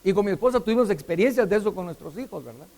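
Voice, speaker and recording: A man's voice: sits high, animated, racing, creaky, a little mellow, a little hiss or hum. A middle-aged man preaching a sermon, often putting questions to the congregation. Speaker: pastor.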